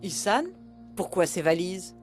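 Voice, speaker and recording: A woman's voice: fairly low pitch, a little slow, soft background music, lightly acted. A woman voicing a cold, commanding older mother. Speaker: dub actress. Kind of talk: French dub of a TV drama.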